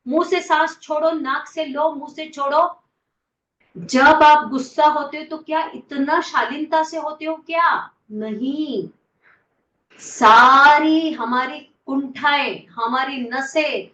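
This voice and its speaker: A woman's voice: high voice, a bit bright. A woman leading a guided yoga and breathing class, urging her students on with repeated commands. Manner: commanding, urgent coaching with repeated calls. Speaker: yoga instructor. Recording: distant, roomy, dull lo-fi sound.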